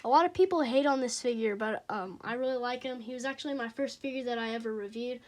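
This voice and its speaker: A teenager with a high, childlike voice reviews toy figures casually, hesitating often and filling pauses with fillers.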